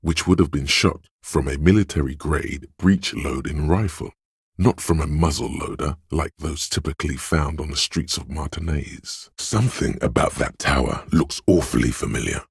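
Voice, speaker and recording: For a role-playing game, a male actor plays a detective's sardonic inner voice, narrating his thoughts in scripted second person. His very deep, rock-bottom voice is gravelly, erudite and exaggerated, moving at normal speed in a measured, wry mood. The recording is close and dry.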